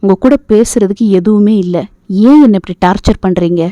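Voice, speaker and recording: A woman voicing a proud, sharp-tongued young woman in an audio novel. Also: medium pitch, fairly quick, dry recording, lightly acted. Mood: irritated. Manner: pleading, then irritated and sarcastic. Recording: dull lo-fi dry recording.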